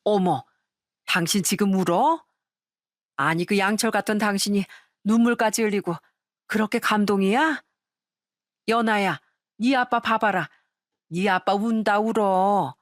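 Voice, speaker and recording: A woman's voice: mid-range voice, fairly even intonation, a little slow, long pauses, dry recording, studio quality, close to an everyday voice. A woman voicing a middle-aged wife who playfully teases her husband in a storybook reading. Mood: teasing. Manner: playful teasing.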